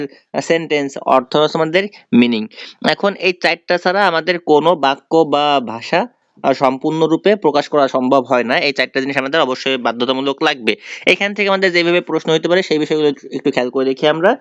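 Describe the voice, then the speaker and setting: A man's voice: a little high, quick pace, clear, resonant tone, no room sound. A young man teaching an exam-prep lesson, explaining step by step and repeating the key answers. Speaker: tutor. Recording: dry, slightly dull sound.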